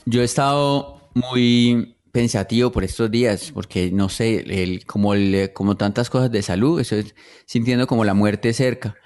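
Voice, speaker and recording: A man's voice: medium pitch, fairly even intonation, normal speed, darkish tone, soft background music. A Colombian man co-hosting a podcast, talking in a hesitant, reflective way with many fillers. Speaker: podcast co-host. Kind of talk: casual conversation.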